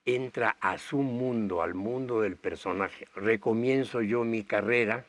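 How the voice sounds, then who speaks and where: A man's voice: lowish voice, unhurried, no room sound. An older man from Bolivia, a guest actor, telling long anecdotes in a rambling way with many fillers. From Bolivia, raised touring South America. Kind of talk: storytelling interview answers.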